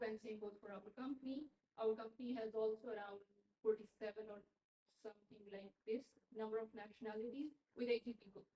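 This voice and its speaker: A woman giving a halting conference presentation, with many fillers. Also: on the high side. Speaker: conference speaker presenting a blockchain company. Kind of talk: presentation talk. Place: event venue. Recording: roomy, dull event audio.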